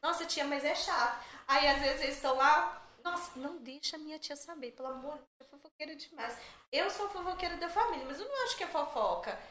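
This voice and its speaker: Here a middle-aged woman guesting on a podcast tells stories quickly in a voice that sits high. The tone is chatty and full of jokes, an animated, casual storytelling session recorded in a room with echo and slight background noise.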